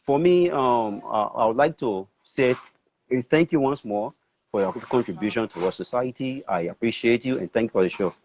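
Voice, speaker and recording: Halting man on noisy, dull audio. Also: medium pitch, darkish tone.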